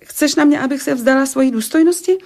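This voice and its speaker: A woman voices a worldly, sceptical woman in a radio drama, teasing a suitor with dry humor. She talks in a casual, plain way, with a voice pitched slightly high. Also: vocal fry, a little mellow. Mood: bargaining. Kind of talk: Czech radio play acting.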